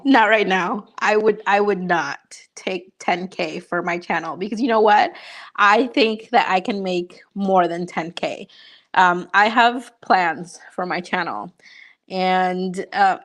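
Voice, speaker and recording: A woman's voice: mid-range voice, takes it slowly, a bit bright. A young woman from Honduras, a YouTuber casually chatting with viewers and answering their questions, upbeat and full of fillers. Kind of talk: casual livestream chat.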